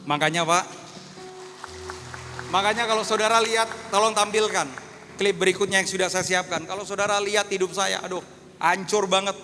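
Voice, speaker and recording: A male pastor in his thirties preaching a storytelling sermon to a congregation, moving between hushed and fervent delivery. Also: sits high, steady tone, moderate pace, pauses often, soft background music. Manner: storytelling, addresses congregation as Pak and saudara; swings from hushed to loud, fervent. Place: church hall. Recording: long echo of a church hall.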